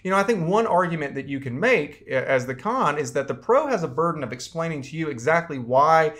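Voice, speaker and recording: A man's voice: fairly high pitch, expressive, brisk, fairly bright tone. Man explaining debate arguments casually. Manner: conversational, often ends points with "right?". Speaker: debate coach. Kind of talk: debate topic lecture.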